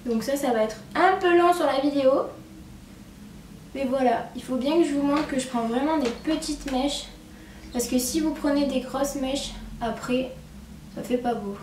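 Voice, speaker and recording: A young woman with a regional French accent, casually talking through a hairstyling tutorial at home, filling pauses with "hop" and "voilà". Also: high-pitched, recorded from a distance. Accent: regional French accent with a marked "hein". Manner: chatty, relaxed, lots of "hop" and "voilà" while working. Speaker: hair tutorial presenter. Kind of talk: casual how-to demonstration. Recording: echoey room, speaker away from the mic, faint background noise.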